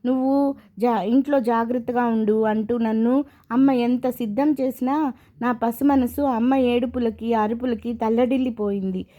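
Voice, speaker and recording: A woman voicing a grieving young married man haunted by his past, told slowly and from the heart. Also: on the high side, steady tone, phone-quality sound, lightly acted.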